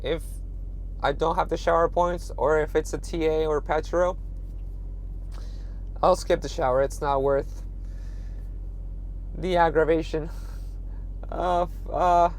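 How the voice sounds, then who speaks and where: A man with a hoarse, raspy, nearly lost voice, talking casually to viewers as a trucker vlogger. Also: fairly high pitch, steady tone, takes it slowly, pauses often, darkish tone, slight background noise. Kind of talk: casual vlog talk to viewers. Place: truck stop rest area, then inside truck cab.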